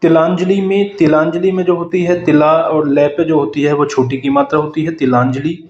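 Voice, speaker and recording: A man's voice: on the high side, steady tone, a little mellow. Hindi man teaching spelling, echoey dull audio. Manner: explains quickly, often repeating key words. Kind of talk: exam-prep lesson. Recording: roomy, muffled sound.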